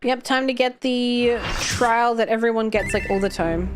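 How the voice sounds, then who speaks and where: Over a noisy background, a fairly high-pitched Australian woman talks at a moderate pace while gaming on stream. Her chat is casual, rambling and sprinkled with swearing, and her voice sounds a bit worn, her throat a little irritated.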